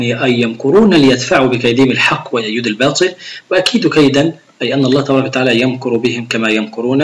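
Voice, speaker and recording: Arabic religion teacher coaching young pupils. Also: male voice, mid-range voice. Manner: explains rules step by step and demonstrates pronunciation; addresses pupils directly and encourages them. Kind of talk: recorded video lesson on Quran recitation.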